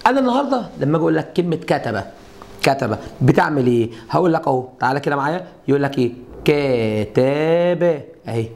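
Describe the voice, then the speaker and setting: A middle-aged Egyptian-accented man teaches Arabic grammar at a whiteboard in a fairly high, creaky voice, talking rapid-fire with big swings in pitch. He explains step by step and keeps asking his students rhetorical questions.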